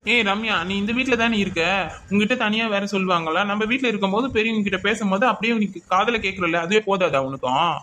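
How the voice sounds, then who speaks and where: A man voicing a young husband and son who tries to keep peace in an animated family cartoon story. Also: high voice, quick pace, a little hiss or hum. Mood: reasoning.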